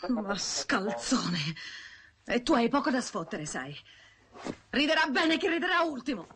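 An actress playing a quick-tempered young widow, who scolds and exclaims. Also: female voice, high voice, sing-song, background noise. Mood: indignant.

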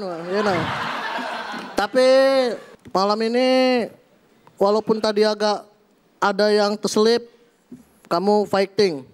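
Male comedy judge, high voice, teasing jokey critique. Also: slight background noise. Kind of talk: giving feedback to a comedian.

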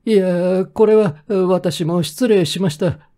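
A portly, flustered middle-aged mayor, put on by a male audiobook reader, gushes hurried, overly polite apologies. The voice sits well above the reader's own, yet keeps a mellow, dark warmth. It sounds like a character in a spoken storybook. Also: high-pitched, voice pushed up.

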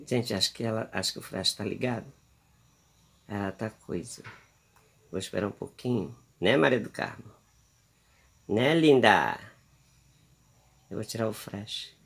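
A man's voice: lowish voice, animated, measured pace, vocal fry, long pauses, fairly bright tone, breathy edge. A man from Brazil filming a casual home video, talking to his pets in a coaxing, sing-song way, with asides to viewers. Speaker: vlogger.

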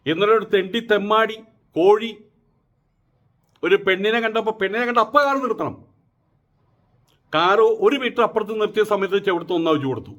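High-voiced man, mocking political monologue. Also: fairly bright tone. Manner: mocking, rhetorical, repeats his taunting questions. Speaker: political commentator.

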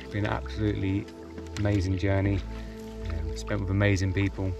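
Relaxed man vlogging from a canoe. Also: low-pitched, fairly quick, gravelly, lo-fi sound, over music. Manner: relaxed, reflective, chuckles often. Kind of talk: casual outdoor vlog narration. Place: outdoors on a lake in a canoe. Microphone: action camera on the boat.

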